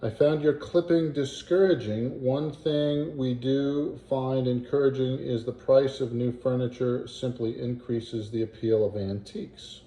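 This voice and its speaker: A man reading an old family letter aloud in a halting way, with asides and pauses to puzzle out words. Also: medium pitch, steady tone, warm tone. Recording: roomy, echoing home recording.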